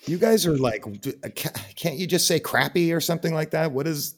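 A man's voice: on the high side, a little fast. A man hosting a podcast, chatting casually in an easygoing, loose way and laughing often. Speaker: podcast host. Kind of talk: casual chat.

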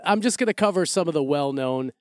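A man's voice: on the high side, expressive, fast talker, no echo, studio quality. An American man from Milwaukee hosting a podcast, partly narrating from a script and partly chatting with his co-host. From Milwaukee, Wisconsin, USA.

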